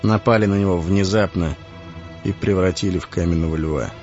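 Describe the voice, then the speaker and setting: A man voicing a charming, confident male wizard in an audiobook, calm and storytelling, commanding when angry. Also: low voice, a little fast, close to an everyday voice. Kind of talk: audiobook narration. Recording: dull lo-fi audio with music.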